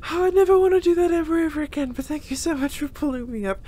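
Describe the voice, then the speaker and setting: A woman voicing a gentle, emotional young male reborn spirit in an audio role-play, breathless and given to nervous sighs and laughs. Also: high voice, fast talker, natural voice. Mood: breathless, grateful.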